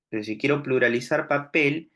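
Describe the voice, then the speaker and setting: A man's voice: medium pitch, fairly bright tone. A man teaching a grammar lesson, explaining step by step and often checking with his students. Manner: slow, deliberate explaining with frequent checks "¿no?". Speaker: language teacher.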